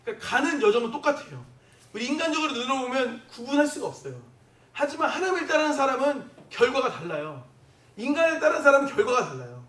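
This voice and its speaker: A man's voice: extremely high pitch, very animated, fast talker, fairly bright tone. A male pastor preaching a sermon in a conversational way, asking the congregation questions. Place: church sanctuary. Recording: echoey church hall from a distance.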